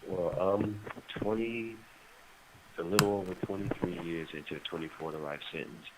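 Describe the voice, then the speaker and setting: A man in his forties calling from a prison phone, talking in a halting, reflective way with many restarts. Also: sits low, steady tone. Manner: halting, reflective, full of restarts and "you know". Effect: on a prison phone line. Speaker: incarcerated caller. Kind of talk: casual phone conversation. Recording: noisy phone line.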